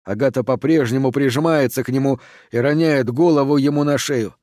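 A man narrating a horror audiobook in an even, steady reading voice. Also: mid-range voice, fairly quick, dry recording, clean studio sound.

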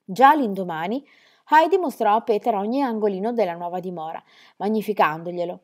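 A woman reading a children's novel aloud with expressive storytelling. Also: mid-range voice, a little fast. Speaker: reader.

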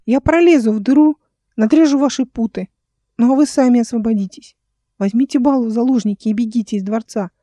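A woman voicing a frightened small boy servant who talks in a high, squeaky, breathless plea. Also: brisk, mellow, no room sound, lightly acted. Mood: distressed. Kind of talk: audiobook character voice.

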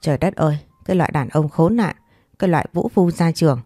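A woman's voice: low voice, fast, mellow, no echo, clean studio sound, faint music behind. A woman voicing a spoiled, hot-tempered young wife who quarrels shrilly. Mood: angry.

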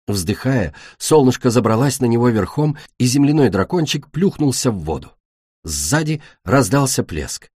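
A man reading a children's fantasy audiobook in an expressive manner. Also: lowish voice, husky, dry recording, studio quality. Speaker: audiobook narrator.

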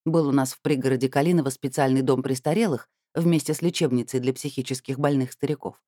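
A woman's voice: very deep voice, fairly even intonation, fast talker, dark tone, no room sound, clean studio sound. A woman narrating a first-person novel in a wry, conversational storytelling manner. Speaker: audiobook narrator.

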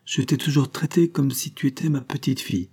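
A man's voice: mid-range voice, steady tone, brisk, dark tone, husky, pitched above the performer's own voice. A man reading aloud and voicing a frail, asthmatic old grandmother who speaks with earnest effort. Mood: pleading.

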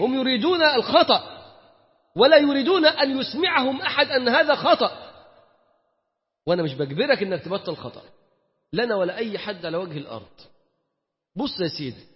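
A man with an Egyptian accent preaching a colloquial sermon, firing rhetorical questions at his listeners and swinging between loud and hushed. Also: very high-pitched. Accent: Egyptian Arabic. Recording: dull, echoey hall recording.

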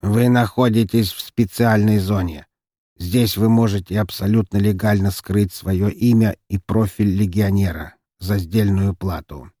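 A man voicing an old patchwork male android, speaking slowly and formally in a grating, mechanical robotic voice. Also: on the low side, fairly even intonation, mellow, no room sound, studio quality. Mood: formal welcome. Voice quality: grating, scraping. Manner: slow, measured, formal. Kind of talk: audiobook narration with voiced characters.

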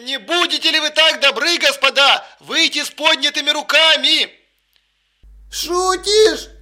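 Man voicing a polite watch officer, calm, courteous, high-pitched, audiobook. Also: measured pace, heavily acted.

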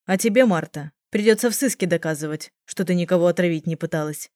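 A woman's voice: lowish voice, fast talker, a little mellow, dry recording, clean studio sound, natural voice. A woman reading an audiobook, voicing a stern young man who firmly reproaches his sister. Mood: grave. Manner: firm, reproachful.

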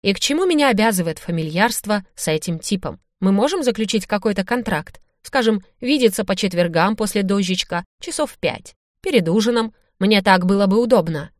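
A woman's voice: mid-range voice, animated, fairly quick, few pauses, no room sound, clean studio sound, close to an everyday voice. A woman doing a sly sarcastic male hare. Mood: smug. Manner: smug, sly.

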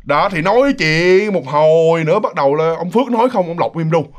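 A man's voice: a little high, lively intonation, fairly quick. A man telling a ghost story in a chatty, casual way, speaking straight to his listeners. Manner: chatty, addresses listeners directly, many fillers.

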